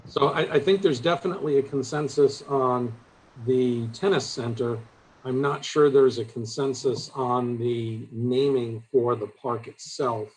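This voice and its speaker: A man steering a council meeting through its agenda in a calm, procedural manner. His voice sits at an ordinary middle pitch. A faint room noise hums behind him. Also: rough recording. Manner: measured, procedural.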